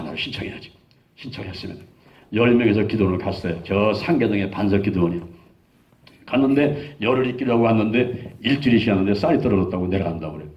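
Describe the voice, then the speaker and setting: A fast-talking man in his sixties preaches a testimony, his pitch jumping lively up and down as he acts out the voices in his story. The sound is dull and lo-fi. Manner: animated storytelling, acting out quoted dialogue. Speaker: pastor. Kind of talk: sermon testimony.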